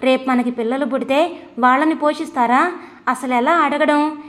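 A woman's voice: high-pitched, normal speed, a bit bright. A woman voicing a glib, dismissive young male student who lectures and talks down. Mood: lecturing.

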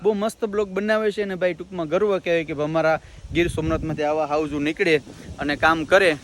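A man's voice: on the high side, steady tone, fast talker, a bit bright. A man, hosting a casual family vlog outdoors, chatty and joking as he talks to the viewers as family. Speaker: vlogger host. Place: outdoors at a temple and village homes.

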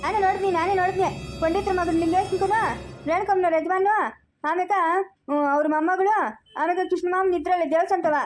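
A woman with a very high voice argues insistently and very fast. She plays a son who defends his wife in an amateur family drama. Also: fairly even intonation, soft background music. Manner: insistent, argumentative.

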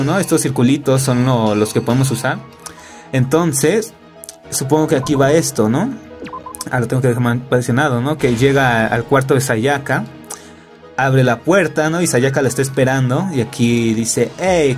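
A man's voice: mid-range voice, moderate pace, faint music behind. A young man with a Mexican Spanish accent doing casual, joking gameplay commentary, padded with fillers and tag questions. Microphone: laptop recording.

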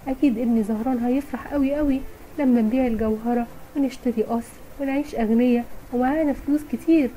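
A woman's voice: fairly high pitch, steady tone, fast talker, mellow, slight background noise, natural voice, rough recording. A woman with an Egyptian Arabic accent voicing a humble, hard-working woodcutter father, plain and earnest, for a children's storybook. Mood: hopeful.

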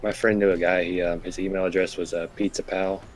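Chill young guy with a really low voice, telling stories over a game, slight noise. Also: level tone, a little fast. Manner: laid-back, chuckling storyteller. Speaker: gaming co-host. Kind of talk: casual gameplay chat.

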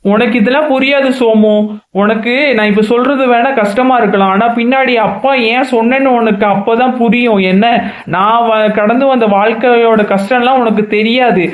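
A man's voice: very high-pitched, steady tone, normal speed, narrow, tinny audio. Guy doing a tired old-ish cartoon dad, stern but loving, roomy echo on it. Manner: scolding, then soft and fatherly. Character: weary aging village father, stern but loving.

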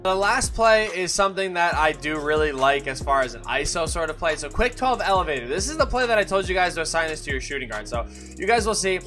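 A young man talking casually through a video game tutorial for his channel, chatty and full of fillers and self-corrections. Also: high voice. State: has the hiccups. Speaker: gaming YouTuber. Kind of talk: casual gameplay tutorial commentary.

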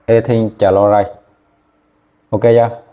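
A man teaching chemistry, dictating formulas slowly and repeating names, often checking whether students follow. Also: lowish voice, flat delivery, narrow, tinny audio. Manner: slow, repetitive, checking in with "ok chưa?". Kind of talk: classroom lesson, dictating formulas.

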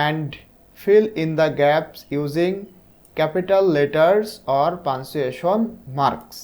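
A male English teacher with a Bangladeshi Bengali accent, explaining a textbook lesson step by step. He reads the English lines slowly and answers his own questions. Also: on the high side, darkish tone.

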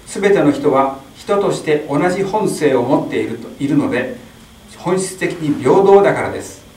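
A man's voice: on the high side, normal speed, slight background noise. Middle-aged man reading a sermon translation. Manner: steady reading with small slips. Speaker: interpreter at a Mass. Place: small chapel. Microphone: stand mic. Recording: echoey chapel, distant mic.

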